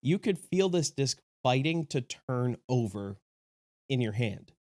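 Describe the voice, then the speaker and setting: A man with a slightly sick, off-sounding voice hosts a casual review vlog. He is chatty and enthusiastic and jokes as he goes. His pitch sits in the middle, and the recording is dry and close, with no room echo. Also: animated, measured pace, a little mellow. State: sick, voice a little off. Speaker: disc golf video host.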